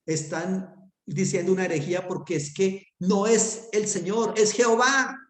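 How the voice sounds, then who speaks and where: Man, Hebrew teacher, online class, conversational, rhetorical questions, somewhat high voice, roomy echo. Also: steady tone, unhurried, a bit bright.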